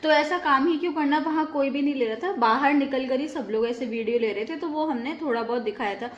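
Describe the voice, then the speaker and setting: A fairly high-voiced woman chats to her viewers at home, filling her explanations with small pauses and fillers. The room around her is noticeably echoey. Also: muffled recording. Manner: chatty, explains with many fillers. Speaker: vlogger host. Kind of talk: casual vlog chat. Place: home balcony.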